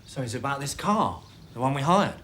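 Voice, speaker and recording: An actor plays a nervous young man who stumbles through his answers when the police call. A clear hiss runs under the old broadcast audio. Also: medium pitch, big pitch swings, fairly quick, close to an everyday voice. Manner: hesitant, flustered. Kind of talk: 1990s British TV police drama.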